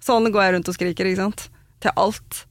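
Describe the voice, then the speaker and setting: A woman speaks in a relaxed conversational chat, frank and blunt as she tells her own story, with mild swearing. Her voice sits at an ordinary middle pitch and sounds close and dry, with no room echo. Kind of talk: casual chat.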